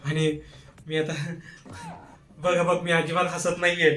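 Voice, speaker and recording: A man's voice: on the high side, level tone, measured pace, bright, forceful tone. A man playing a husband in a comic skit, pleading and laughing as he talks. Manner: giggly, pleading, keeps laughing while denying it. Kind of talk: comic sketch acting.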